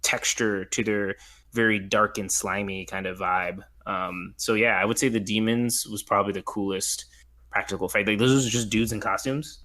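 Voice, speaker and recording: A man's voice: fairly low pitch, fairly even intonation, moderate pace, pushed and bright. A man co-hosting a casual film chat, talking in an informal, slangy way with some swearing. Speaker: podcast co-host.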